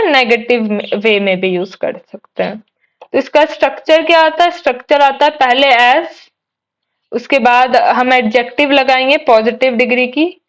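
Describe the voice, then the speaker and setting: Slow, patient woman teacher. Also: sits high, rough recording. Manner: patient, explains step by step, often checks "theek hai?". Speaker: English teacher. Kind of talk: online exam-prep lesson.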